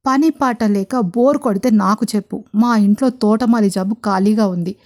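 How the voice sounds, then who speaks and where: A woman voicing a confident young woman CEO who teases and speaks with calm sarcasm in an audio love story. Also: mid-range voice, moderate pace, natural voice. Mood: sarcastic.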